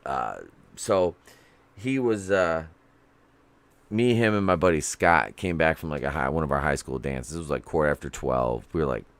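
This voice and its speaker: A middle-aged man with a very low voice recounts an eerie experience in a relaxed, rambling way. He leans on fillers and acts out the lines of the people in the story. The sound is dry and close. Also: moderate pace, dry recording. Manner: rambling, with many fillers and quoted dialogue. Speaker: guest. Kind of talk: casual storytelling chat.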